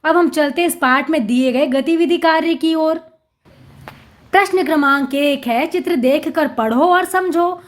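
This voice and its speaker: A woman teacher explains a reading lesson to young children. She speaks very slowly and breaks each word into syllables before saying it whole with emphasis. Her voice is high and bright, and she stays patient throughout. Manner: slow, drawn-out syllables with emphatic repeats. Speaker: primary school Hindi teacher.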